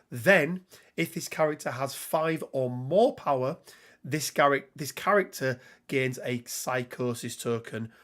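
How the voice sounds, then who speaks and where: A man hosting a casual tabletop game talk, rambling and laughing as he reads card text, his voice a little worn. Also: mid-range voice. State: slightly losing his voice. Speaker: podcast host.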